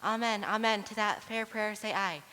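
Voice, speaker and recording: A woman's voice: medium pitch, normal speed, bright, forceful tone, natural voice. A woman playing an ardent young nobleman who speaks in impassioned verse. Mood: tender. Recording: echoey hall.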